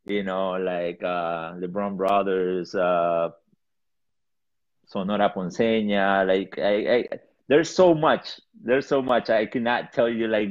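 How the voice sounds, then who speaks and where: A man from Peru, chatting casually as an interview guest. He rambles loosely, with lots of fillers and restarts. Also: lowish voice. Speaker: salsa DJ guest. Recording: dull lo-fi sound.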